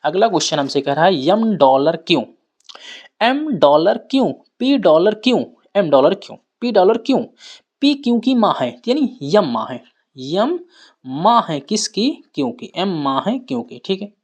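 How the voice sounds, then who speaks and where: A man's voice: high-pitched, sing-song, normal speed, darkish tone. A man teaching a reasoning class, repeating key points and putting questions to his students. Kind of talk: classroom lecture.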